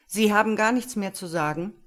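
A woman reading the part of a stern, self-satisfied male police inspector who speaks loud and curt. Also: mid-range voice, fairly quick, natural voice.

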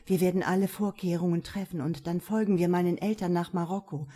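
A woman's voice: fairly low pitch, fairly even intonation, brisk, mellow, close to an everyday voice. Woman voicing an earnest young lover. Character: young man in love, earnest and impulsive.

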